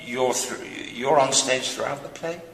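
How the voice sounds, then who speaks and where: A man's voice: medium pitch, measured pace, fairly bright tone. A man hosting an arts interview, teasing his guests with playfully obtuse questions. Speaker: arts show host. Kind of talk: mock-serious interview banter. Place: theatre hall. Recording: echoey theatre hall, faint noise.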